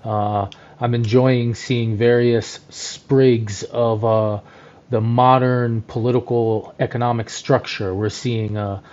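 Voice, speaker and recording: A man's voice: mid-range voice, darkish tone. Rambling, enthusiastic male co-host, dull sound. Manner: rambling, enthusiastic, lots of fillers. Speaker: podcast co-host, journalist. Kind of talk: casual chat.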